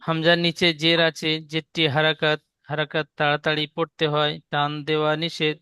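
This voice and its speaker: A man teaching a Quran reading class, spelling out letter sounds in a slow, patient, repetitive drill. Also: a little high, monotone, sharp tone, clear, resonant tone, dry recording.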